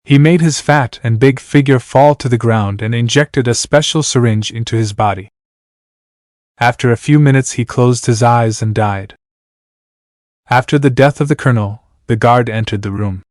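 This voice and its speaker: A man's voice: medium pitch, moderate pace, a little mellow, no room sound. Male narrator, mid-range voice, dry booth sound, reads every character plainly. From Iran. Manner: reads all characters in the same voice, announcing speaker names. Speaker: narrator reading his novel. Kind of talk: flat audiobook narration.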